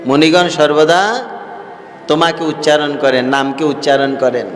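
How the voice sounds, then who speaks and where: A man, a monk preacher, giving a slow devotional sermon, repeating his phrases and putting questions to his listeners. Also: fairly high pitch, steady tone. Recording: roomy hall reverb with faint music.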